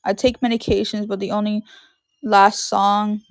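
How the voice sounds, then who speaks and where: A woman's voice: medium pitch, level tone, normal speed, dry recording. Woman, thirties, home live-stream seller; loose rambling chat, dry close recording. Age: 30s. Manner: rambling, heavy use of "like". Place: at home in her room.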